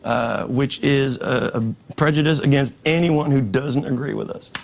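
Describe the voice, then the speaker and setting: A man's voice: mid-range voice, normal speed, creaky. A man chatting as a guest on a talk show, rambling with many fillers and restarts. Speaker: guest comedian. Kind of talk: casual talk show chat.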